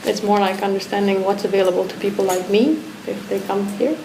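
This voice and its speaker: A Romanian woman artist, appearing as a guest at an art academy pavilion, talks reflectively in a discussion, restarting often and using many fillers. Her medium-pitched voice stays fairly even in intonation and moves a little fast. The room is echoey, with noise in the background.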